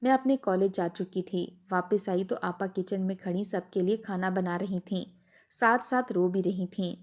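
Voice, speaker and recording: A woman telling a first-person family story in an even, soft storytelling manner. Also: mid-range voice.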